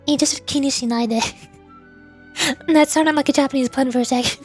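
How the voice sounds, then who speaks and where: A woman VTuber livestreams a video game, thinking aloud with casual, chatty commentary as she plays. Her voice sits high with fairly even intonation at normal speed, and faint game music plays behind her.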